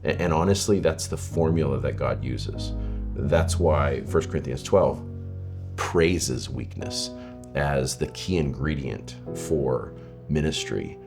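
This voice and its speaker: A man's voice: very deep voice, slow, gravelly. A man, a pastor, speaking in an emphatic, preacherly way. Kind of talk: testimony interview. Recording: music bed under voice.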